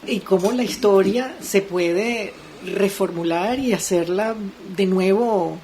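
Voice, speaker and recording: A woman's voice: mid-range voice, slow, a little mellow. A woman co-hosting a radio arts show, responding with engaged, affirming remarks. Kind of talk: radio interview conversation. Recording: faint noise, radio studio.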